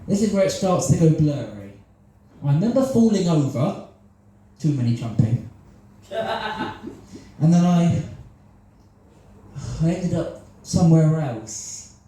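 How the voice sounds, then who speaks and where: A Cornish man spins an improvised comic story with a dark, mellow tone and a fairly high pitch. He keeps mocking himself and chuckling at his own jokes. His voice echoes heavily around a small live venue. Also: very animated, takes it slowly, long pauses. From Cornwall. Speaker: improv comedian. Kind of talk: solo improvised stand-up storytelling.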